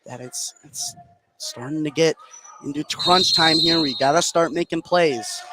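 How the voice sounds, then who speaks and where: Over a very noisy background, a man calls live high school basketball play-by-play on the radio at a measured pace, blending game calls with conversational banter.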